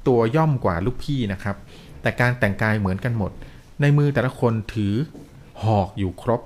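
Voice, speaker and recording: A man narrating a ghost story to a listener in a lively, polite way, peppering it with polite particles. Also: lowish voice, a little fast, slight background noise.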